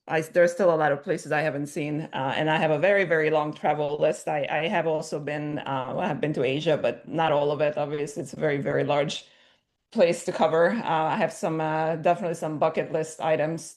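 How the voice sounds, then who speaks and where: A speaker from Hungary, a tour company owner talking as an interview guest in a chatty way, with many fillers and restarts. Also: mid-range voice. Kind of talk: interview conversation.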